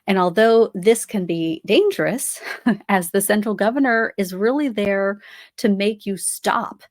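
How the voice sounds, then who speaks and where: A woman's voice: mid-range voice, unhurried, darkish tone, no echo, studio quality. A woman hosting a podcast, talking casually and explaining at length, with frequent ums, restarts and small laughs. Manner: chatty, many ums and restarts, light laughs. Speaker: podcast host.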